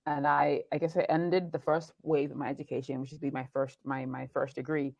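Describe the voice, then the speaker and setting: A woman's voice: sits low, flat delivery, a little fast, creaky, a little mellow, dry recording, muffled recording. A woman in her forties, raised across three countries, giving thoughtful and earnest interview answers. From Nigeria, England and the United States. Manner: thoughtful, restarts sentences, earnest. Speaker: guest, documentary producer and speaker.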